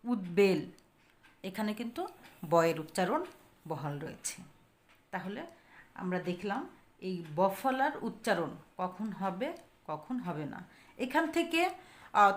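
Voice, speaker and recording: A woman teacher giving a grammar lesson on pronunciation, repeating example words slowly and answering her own questions. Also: medium pitch.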